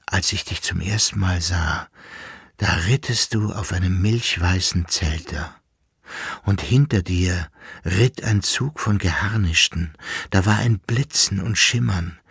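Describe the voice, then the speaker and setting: A man's voice: fairly low pitch, creaky, slightly rough, no room sound, studio quality, exaggerated voice. A man voicing a grave, lovesick emperor in a literary audiobook, with earnest, tender declamation. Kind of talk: audiobook reading.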